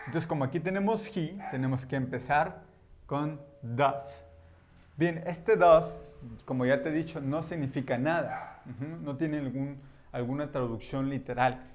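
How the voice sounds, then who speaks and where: A young man, teaching a patient grammar lesson and slowing down to model example sentences. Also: mid-range voice, darkish tone, slight background noise. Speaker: English teacher. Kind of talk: classroom-style grammar lesson.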